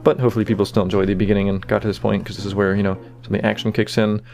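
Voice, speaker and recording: A man giving casual behind-the-scenes commentary on his own animation, relaxed and full of fillers like "you know" and "kinda". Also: on the low side, rapid-fire, creaky, faint music behind.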